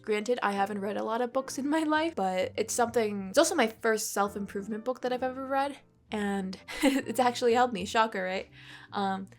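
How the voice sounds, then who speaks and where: Recorded at home through a USB desk microphone, a congested woman in her twenties rambles casually as she sketches for her art vlog, cursing frequently. Her voice is medium-pitched with vocal fry.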